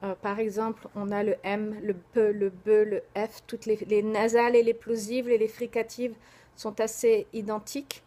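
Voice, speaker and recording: A young woman giving a recorded slide presentation, pausing often with fillers and spelling words out letter by letter. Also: medium pitch, little pitch movement, warm tone. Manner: hesitant, frequent filler pauses.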